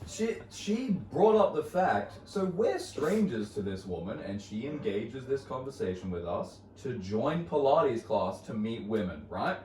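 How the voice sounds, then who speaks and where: Animated Australian man, off-mic and roomy. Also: medium pitch, a little slow, few pauses, recorded from a distance. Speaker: guest. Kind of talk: casual comedic chat. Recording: roomy, off-mic, faint noise.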